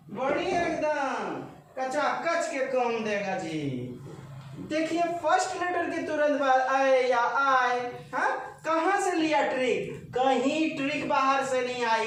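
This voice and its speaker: A man teaches an exam-prep grammar lesson at a slow, unhurried pace, repeating and stretching words in a playful, chatty way. His voice sits back from the mic and rings through a very echoey room. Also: very high-pitched, fairly bright tone, distant mic, a little hiss or hum.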